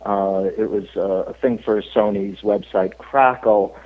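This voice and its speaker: A male actor, a guest on an interview show, telling stories in relaxed chat, laughing often and stopping on many fillers. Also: lowish voice, measured pace. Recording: tinny phone line.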